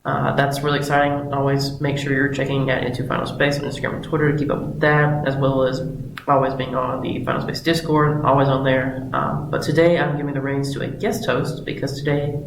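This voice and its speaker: A man's voice: mid-range voice, flat delivery, brisk. A man hosting a podcast introduction casually, his voice affected by sickness, with a cave echo around it. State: sick voice. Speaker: podcast host. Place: echoey home studio in progress. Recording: echoey unfinished studio, clear background noise.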